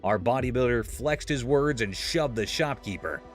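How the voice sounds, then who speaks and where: Lively male recap narrator, jokey. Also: mid-range voice, normal speed, soft background music. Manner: playful, exaggerated storytelling with jokey comparisons. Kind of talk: scripted comedic recap narration.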